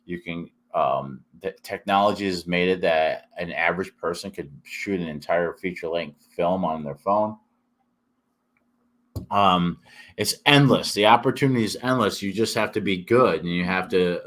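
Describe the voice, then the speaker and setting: A man talking casually as a vlog host, rambling and halting, his speech thick as if his tongue and mouth are swollen. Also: deep voice, fairly bright tone. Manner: halting, with repeated false starts and long hesitations. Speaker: YouTube host and independent author. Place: kitchen.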